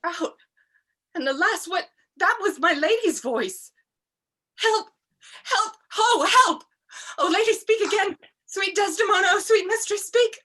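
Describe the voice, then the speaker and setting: A woman's voice: very high voice, sing-song, measured pace, pushed and bright, heavily acted. A woman playing a loyal, outspoken maidservant, impassioned and declamatory, in a Shakespearean tragedy reading. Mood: alarmed grief. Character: loyal, outspoken, fiery maidservant to a murdered lady. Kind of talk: Shakespearean tragedy cold read.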